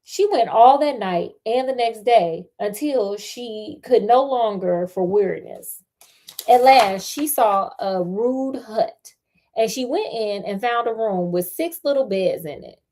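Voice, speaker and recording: Reading a fairy tale out loud, an American woman who works as a storyteller and host slips into chatty, sassy jokes in colloquial language. She speaks unhurriedly in a high, mellow voice with lively intonation.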